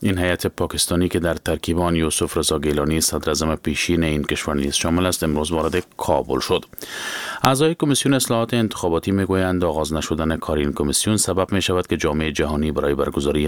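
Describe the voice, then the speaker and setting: A man reading the news in a measured, formal way. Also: rumbling low, dry recording. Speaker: newsreader. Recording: dry studio sound.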